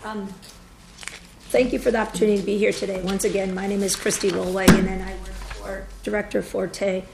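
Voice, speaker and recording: A woman with a cold and a hoarse voice, giving formal testimony to a committee as a deputy director of emergency management, in an earnest, steady briefing style with frequent fillers. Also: medium pitch, a little fast, heavy background noise. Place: government committee hearing room.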